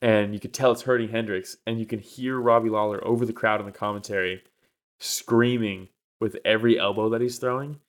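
A man's voice: on the low side, fairly even intonation, fairly quick. A man co-hosting a podcast, telling a story in casual chat with lots of fillers and swearing. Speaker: podcast co-host.

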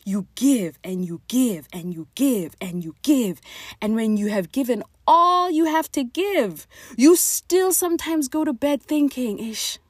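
In a personal podcast monologue, a woman from Zimbabwe in her thirties, the show's host, addresses listeners directly with frank, profane encouragement. She sounds a little high and animated, with a breathy edge and a measured pace, captured in a dry, studio-quality recording.

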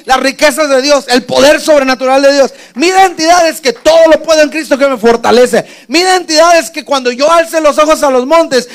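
A man preaching a fervent sermon, declaiming and repeating phrases. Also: very high voice.

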